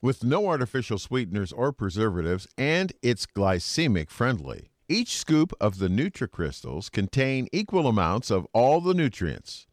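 A male announcer reading a scripted radio advertisement as a measured sales pitch. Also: no echo, clean studio sound. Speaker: commercial announcer.

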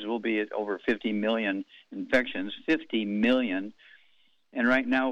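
A man's voice: mid-range voice, no room sound. An older man in his eighties talks through a radio monologue, drifting from point to point and padding it with fillers. The sound is dry and close. It also has a muffled, lo-fi broadcast tone. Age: 80s. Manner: rambling, slow, reads out figures with many fillers.

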